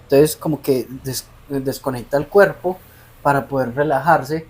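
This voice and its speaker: Husky co-host rambling through an explanation. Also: mid-range voice, moderate pace, darkish tone. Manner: hedging, rambling explanations full of "como que". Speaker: podcast co-host. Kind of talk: casual explaining.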